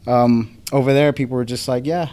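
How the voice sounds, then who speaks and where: A man's voice: mid-range voice, steady tone, fairly quick, warm tone. A man who grew up in Los Angeles, a guest photographer talking casually, with many ums and restarts. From Philippines, grew up in Los Angeles. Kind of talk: casual interview chat. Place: live podcast recording before a small audience.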